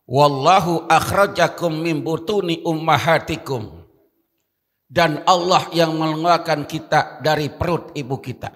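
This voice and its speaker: A male preacher giving a dawn mosque sermon, swinging between high emphatic rhymed lines and low asides, chanting Arabic verses between his talk. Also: bright, forceful tone. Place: mosque hall. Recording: long reverb of a mosque hall.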